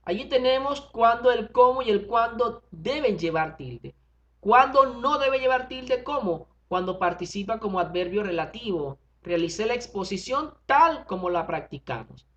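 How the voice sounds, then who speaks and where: A woman's voice: fairly high pitch, expressive, moderate pace, fairly bright tone. A woman teacher explaining a grammar lesson, reading out examples and checking in with short questions. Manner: reads out examples, checks in with '¿ve?' and '¿verdad?'. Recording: dull lo-fi recording.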